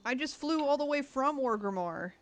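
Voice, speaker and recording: A man streaming a game, chatting casually and mumbling softly to himself as he plays. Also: very high-pitched, animated, normal speed, soft background music. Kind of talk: casual chat while gaming.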